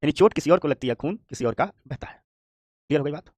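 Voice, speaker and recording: A man teaching an economics class, talking quickly and often asking if students understood. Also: fairly high pitch, no room sound. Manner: fast, lively, repeats "ठीक" and checks understanding; acts out complaining shopkeepers. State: tired from standing. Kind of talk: classroom lecture.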